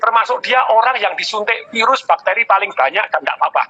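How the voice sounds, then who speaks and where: A man's voice: high-pitched, a little fast, lo-fi sound, slight background noise. A middle-aged man, a business coach, telling emotional stories animatedly in an interview. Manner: emotional, animated storyteller with many repeated exclamations. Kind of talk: conversational storytelling interview.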